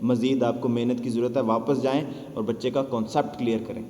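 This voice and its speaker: A man leads a teacher-training lesson, explaining rules patiently and chanting stretched-out syllables to show them. His mid-pitched voice rings in a reverberant room with a long echo. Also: little pitch movement, warm tone. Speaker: Quran teacher training instructor. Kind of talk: teaching lesson, demonstrating recitation.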